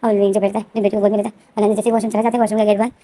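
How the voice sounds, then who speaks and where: A woman casually retelling a fan-fiction story, with rapid, repetitive narration and many fillers. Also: mid-range voice, little pitch movement, dark tone.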